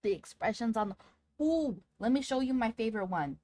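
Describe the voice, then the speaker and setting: A woman livestreamer chatting casually with her audience in a cute, playful, excitable anime-streamer manner. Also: on the high side, a little fast, dry recording, studio quality. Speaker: livestreamer talking to chat.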